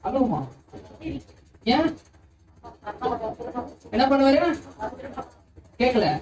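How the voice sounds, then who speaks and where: Male pastor, high mellow voice, sermon with frequent check-ins; distant mic, dull sound. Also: lively intonation, moderate pace, roomy sound, a little hiss or hum. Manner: keeps asking the congregation if they understand.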